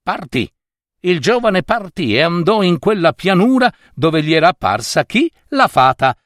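A man's voice: high-pitched, sing-song, moderate pace, a bit bright, dry recording, clean studio sound. A man telling a fairy tale aloud, dramatic, repeating words for effect. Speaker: storyteller.

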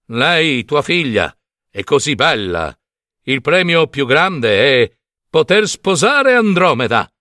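Brief: earnest young storybook hero, bright and fairly high, read by a man. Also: sing-song, slow, no echo, clean studio sound, heavily acted. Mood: shy.

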